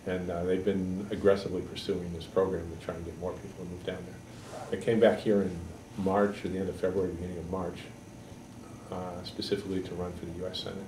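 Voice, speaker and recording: A man in his sixties from Connecticut, a political candidate giving halting, measured answers in an editorial board interview. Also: sits low, level tone. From Connecticut, USA. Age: 60s. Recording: echoey room, mic far off, background noise.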